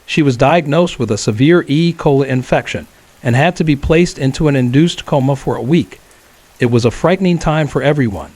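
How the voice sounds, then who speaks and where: A man telling a true horror story as scripted narration, in a calm, measured way. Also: mid-range voice.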